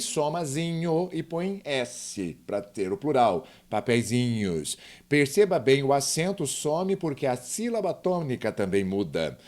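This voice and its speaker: A man's voice: on the high side, darkish tone. A man teaching a grammar lesson, emphatic and often asking the viewer questions.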